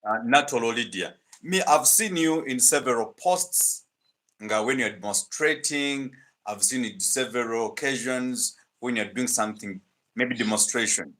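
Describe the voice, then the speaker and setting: A man hosting an interview, asking his questions hesitantly with many pauses and restarts. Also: medium pitch, fairly bright tone. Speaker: interviewer, host. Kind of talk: interview, mixing English and Luganda.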